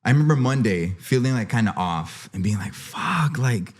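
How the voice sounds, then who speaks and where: A man's voice: lowish voice, lively intonation, fairly quick. A young man co-hosting a podcast, telling a story in casual chat, full of fillers and "bro". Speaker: podcast co-host.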